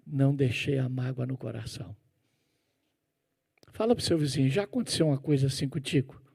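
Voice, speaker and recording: A man's voice: medium pitch, animated, a little fast, vocal fry, warm tone, husky. A middle-aged pastor from Brazil preaching in a church, telling a personal story with sound effects and turning to question his congregation.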